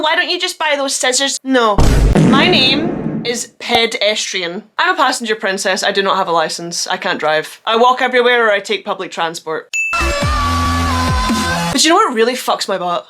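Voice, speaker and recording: Grumbling, bright-voiced woman, exasperated and sardonic. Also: fairly high pitch, a little hiss or hum. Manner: sweary, hyperbolic. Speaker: solo video host. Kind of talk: comedic grumbling rant to camera.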